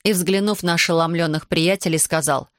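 A woman narrating a children's story, reading lively and voicing the characters playfully. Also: on the low side, fairly quick, no echo, studio quality.

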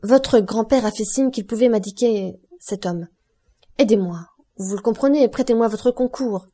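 Woman doing a young guy in anguish, begging, voice pushed up high, mellow tone, audiobook reading. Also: moderate pace, natural voice. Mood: desperate. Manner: pleading, urgent, rising intensity. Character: young man, anguished son seeking his father's killer.

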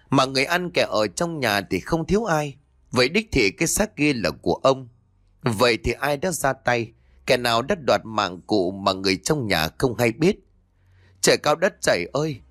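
A man narrating a ghost story dramatically. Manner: dramatic, with lively pitch swings.

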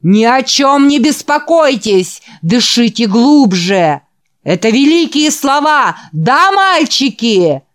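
A woman reading an audiobook voices a frenzied male evangelist preacher, raised and loud, driving a call-and-response sermon. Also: sits high, big pitch swings, slow pace, voice pushed up, exaggerated voice. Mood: fervent. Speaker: preacher at a youth revival.

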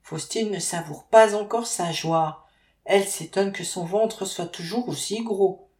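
A woman's voice: medium pitch, measured pace, darkish tone. Wry woman reading an audiobook. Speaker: audiobook narrator. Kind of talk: scripted audiobook narration. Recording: roomy echo.

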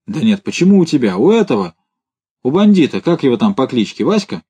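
A man's voice: medium pitch, big pitch swings, a little fast, mellow, breathy edge, highs cut off. A man voicing a blunt, suspicious male official who grumbles his questions. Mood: grumbling.

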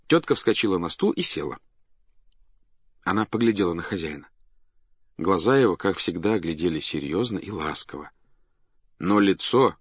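Lively theatrical male storyteller. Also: deep voice, husky, no echo. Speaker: audiobook narrator. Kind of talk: expressive literary reading. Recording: dull dry studio recording.

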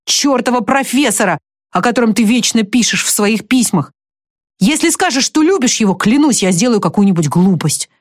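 A woman's voice: on the high side, expressive, normal speed, no echo, pitched above the performer's own voice. Hot-headed young man in love, earnest and choked, voiced by a woman, dry sound. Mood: outburst.

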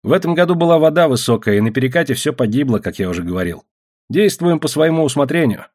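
A man's voice: mid-range voice, lively intonation, fast talker, a little mellow, pitched above the performer's own voice, lightly acted. A man voicing a young male mine manager who explains things plainly in an audiobook. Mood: explaining. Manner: matter-of-fact, explaining. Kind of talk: audiobook narration.

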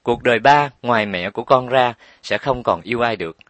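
A man voicing a heartbroken, devoted middle-aged father in a storybook reading, speaking slowly and sadly. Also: medium pitch, fairly bright tone, dry recording, natural voice. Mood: tender sad. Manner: slow, sad, tender speech.

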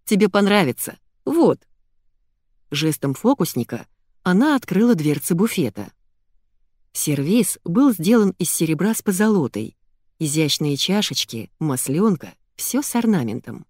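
Brief: expressive female audiobook narrator, lowish, very dry recording. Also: moderate pace, no echo. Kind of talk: scripted first-person narration.

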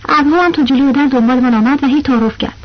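High-voiced woman reading a novel. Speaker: audiobook narrator. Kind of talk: first-person novel narration. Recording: dull lo-fi audio.

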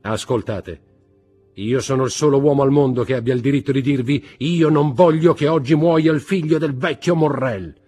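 A man voicing a mysterious nobleman who speaks calmly, gently and firmly, with a husky voice. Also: lowish voice, normal speed, faint music behind. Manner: calm, gentle, firm.

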